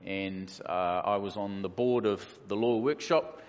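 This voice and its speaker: Speaking slightly slowly in a lowish voice, a man in his forties with a New Zealand accent welcomes his congregation as their pastor. He keeps it relaxed and jokey, full of fillers. The recording in the church hall is echoey, dull and lo-fi.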